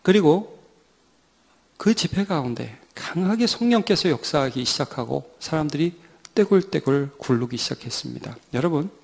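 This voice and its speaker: Male preacher, high-pitched, emphatic Sunday sermon delivered to a church congregation, full of rhetorical questions. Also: expressive, moderate pace, vocal fry, a little mellow, husky. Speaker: pastor. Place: church sanctuary.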